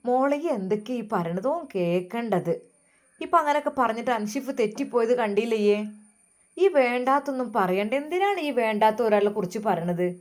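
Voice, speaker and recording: A woman voicing an older mother-in-law, talking low and soft in a coaxing, guilt-tripping way. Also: lively intonation, a little fast, lightly acted. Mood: scolding.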